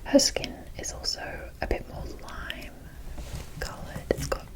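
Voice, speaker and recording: An adult woman hosting an ASMR video whispers softly and unvoiced as she shows off dolls. Her unscripted, rambling delivery comes in short phrases with pauses between them.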